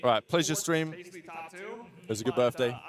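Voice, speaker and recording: A man in his twenties hosting a casual watch-party stream at an event venue, relaxed and laid-back. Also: a little high, unhurried. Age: 20s. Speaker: stream host. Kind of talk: casual chat. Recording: crowd noise in the background.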